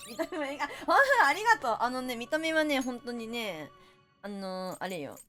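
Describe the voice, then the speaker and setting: A woman's voice: a little high, takes it slowly, faint music behind. A young woman with a Kansai accent chatting casually during a game stream, playful and talkative as she reads viewer comments aloud into a close microphone. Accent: Kansai Japanese. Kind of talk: casual live-stream chat while gaming.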